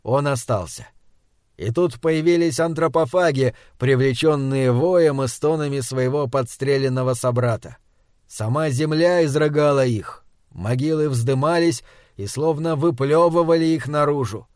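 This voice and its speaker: A man narrating an audiobook in a measured, dramatic reading. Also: medium pitch, a little mellow, no room sound, studio quality.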